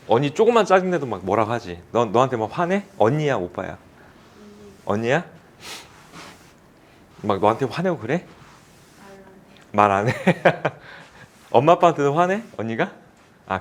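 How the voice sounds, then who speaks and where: Chatty man teaching math, animated voice. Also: medium pitch. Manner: chatty, teasing students, casual speech. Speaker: math tutor. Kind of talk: classroom lecture with banter. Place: cram school classroom.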